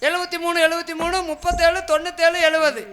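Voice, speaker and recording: A man's voice: extremely high pitch, flat delivery, fast talker, sharp tone, faint music behind. A man on a village drama stage, reading out notices like an announcer and trading jokes. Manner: reads out a sponsor notice in a chanting, announcer way. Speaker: stage comedian.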